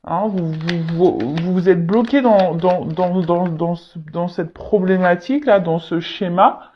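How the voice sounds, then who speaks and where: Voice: medium pitch, slow, lo-fi sound, slight background noise. A tarot reader giving an unscripted reading straight to viewers, often stalling, repeating words and leaning on fillers.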